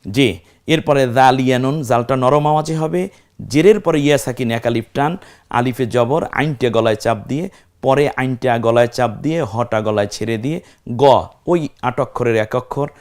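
A man's voice: medium pitch, brisk, smooth. A man teaching Quran recitation, explaining step by step and drawing out the Arabic syllables he demonstrates. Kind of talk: recitation lesson.

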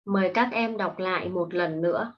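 A woman teaching a primary school English lesson online, explaining patiently and slowly to children. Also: on the low side. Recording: dull lo-fi recording.

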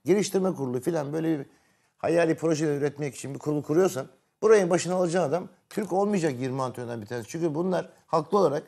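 A man co-hosting a football talk show, pressing his point with pushy, rapid-fire questions. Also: fairly high pitch, vocal fry, warm tone. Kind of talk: heated studio debate.

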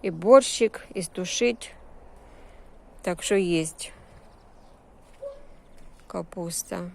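Walking through her vegetable garden and greenhouse, a woman gives a casual, unscripted tour in short, homely phrases packed with diminutives. Her Ukrainian accent carries Russian-influenced surzhyk words. Her voice sits on the low side with a darkish tone, drawn-out words and vocal fry, against slight background noise.

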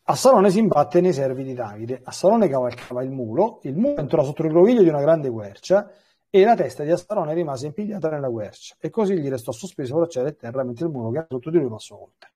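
Husky-voiced priest teaching scripture. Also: male voice, on the high side, expressive, fast talker, mellow. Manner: reads passages aloud with explanatory asides and fillers. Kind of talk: Bible catechesis, reading and explaining scripture.

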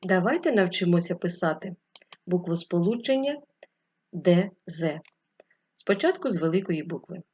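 A woman teacher giving a slow, clear, patient literacy lesson to young children. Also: lowish voice, lively intonation, a little mellow, muffled recording. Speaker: first-grade teacher. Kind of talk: distance-learning literacy lesson.

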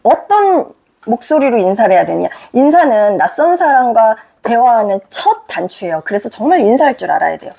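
A woman's voice: on the high side, big pitch swings, fairly quick, creaky, dark tone. A middle-aged woman teacher lecturing students directly, emphatic and scolding, firing rhetorical questions at them. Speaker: teacher giving advice to students.

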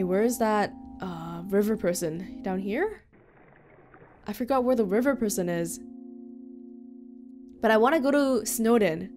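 A woman's voice: mid-range voice, a little mellow. A young woman giving chatty, giggly commentary while playing a video game. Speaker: let's play host. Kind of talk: casual gameplay commentary.

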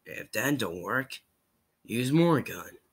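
A man's voice: mid-range voice, sing-song, takes it slowly, husky, exaggerated voice. A man voicing a cocky, practical Southern mechanic engineer with a Southern US accent. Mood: drawling, smug.

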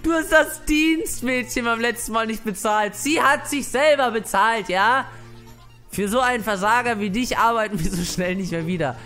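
A man's voice: very high-pitched, normal speed, bright, forceful tone, soft background music. A man doing a snide maid-service voice. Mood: scornful. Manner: snide, reproachful. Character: scornful maid service voice scolding the player.

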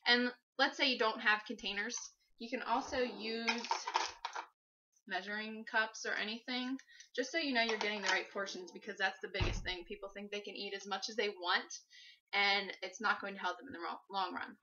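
A woman in her twenties who vlogs about fitness walks around her home kitchen, chatting and explaining practically as she demonstrates something in a casual how-to. Her voice is mid-range, pushed and bright, with fairly even intonation at normal speed. The camera mic, placed across the room, yields dull lo-fi sound with a little hiss or hum.

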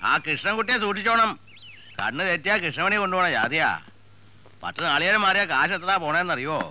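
A bossy landowner barking orders. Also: male voice, high-pitched, expressive, pushed and bright, full character voice. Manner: commanding, hurried orders. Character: bossy middle-aged male landowner. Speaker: landowner overseeing a coconut harvest. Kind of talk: 1980s film acting.

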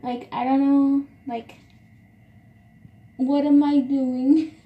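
A woman's voice: high-pitched, flat delivery, drawn-out words, dull audio. A young woman chatting casually and hesitantly through a tutorial, repeating herself as she narrates what she is doing. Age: young adult. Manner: hesitant, repetitive self-narration while doing a task. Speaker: beauty vlogger. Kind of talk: casual makeup tutorial chat. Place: small room at home, indoors. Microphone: phone propped at arm's length. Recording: faint background noise, home phone recording.

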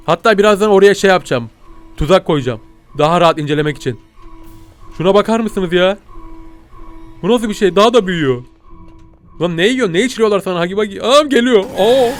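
A young man commentating a game he plays, panicking, shouting and laughing in mock fear. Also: fairly high pitch. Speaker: gaming YouTuber. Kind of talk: excitable gameplay commentary.

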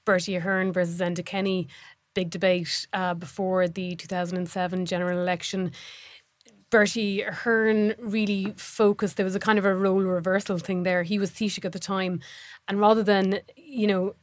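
A woman's voice: mid-range voice, level tone, normal speed, no echo. An Irish woman, a political reporter, giving reflective analysis on a news podcast. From Ireland. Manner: reflective, recalls past events.

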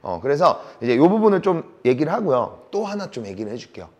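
A male table tennis coach runs an on-court lesson, his fairly high voice swinging widely in pitch. He heaps short praise on his student, counts the rhythm of the strokes aloud and teases her now and then. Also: big pitch swings, quick pace, darkish tone, highs cut off.

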